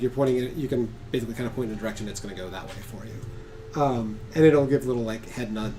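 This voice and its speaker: Mellow-voiced man running a tabletop game. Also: medium pitch, a little hiss or hum. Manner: chatty, laughs often, many restarts. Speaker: game master.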